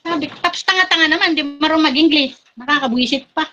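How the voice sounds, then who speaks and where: High, bright woman laughing through stories. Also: fast, highs cut off. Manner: laughs often while telling stories, animated. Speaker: guest. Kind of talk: casual chat.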